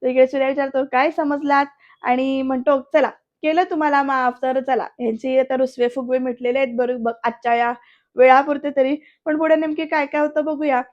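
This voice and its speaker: A woman gives a voice-over recap of a TV serial episode, speaking straight to her viewers. Her voice sits high and stays fairly level. She reads the characters' dialogue aloud without much change in her tone. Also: little pitch movement, a little fast, lo-fi sound. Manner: retells scenes, addressing viewers directly; reads characters' dialogue in quotes, mostly plainly.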